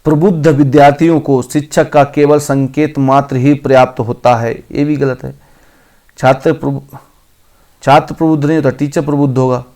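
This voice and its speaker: A man teaching an exam-prep grammar lesson. He reads each option aloud slowly, then corrects it. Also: medium pitch, steady tone, a little mellow.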